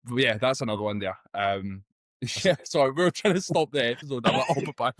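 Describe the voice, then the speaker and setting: Excitable man hosting a podcast. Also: medium pitch, brisk, no room sound, studio quality. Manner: excitable, swears casually, chatty. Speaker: podcast host. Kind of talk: casual podcast chat.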